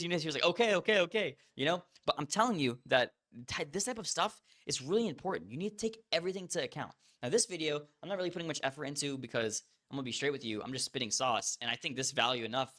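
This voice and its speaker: Young guy talking fast to camera, blunt hustle coach, casual slang, keeps it straight. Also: medium pitch, fairly bright tone. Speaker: social media coach. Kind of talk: direct-to-camera advice monologue.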